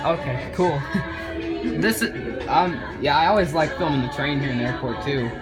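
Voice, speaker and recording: Casual vlogger, mid-range voice, spontaneous commentary inside a train car with loud music. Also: mid-range voice, lively intonation, a little fast, reverberant, a loud crowd. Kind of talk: casual off-the-cuff vlog commentary. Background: loud music, train sounds.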